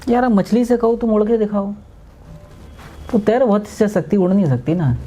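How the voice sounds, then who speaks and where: A man's voice: high voice, moderate pace, soft background music. A man with an Uttar Pradesh Hindi accent, a guest telling stories and acting out voices in a podcast interview. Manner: animated storyteller acting out voices.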